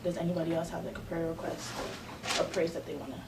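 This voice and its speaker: Talking fast in a low voice with little pitch movement, this woman in her twenties facilitates a student group gathering. She's earnest and prayerful and uses lots of fillers, captured by a distant mic in an echoey room with noise behind her.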